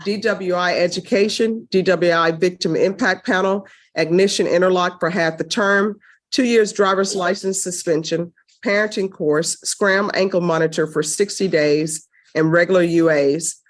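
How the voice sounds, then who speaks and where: A woman judge running formal courtroom proceedings in a brisk, firm, stern manner, heard in a courtroom recording. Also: lowish voice, steady tone.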